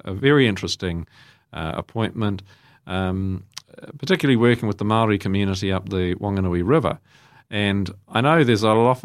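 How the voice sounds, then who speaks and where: New Zealand priest, low-pitched and chatty. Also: male voice, no room sound, studio quality. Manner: chatty and self-deprecating, then measured intoning prayer. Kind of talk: homily and prayers of the faithful.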